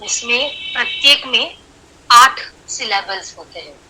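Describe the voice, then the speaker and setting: Slow, bright-voiced woman teaching Sanskrit. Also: on the high side, husky, low-quality recording. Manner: slow explanatory, counting syllables aloud, mixing Hindi and English. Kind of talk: online class lecture.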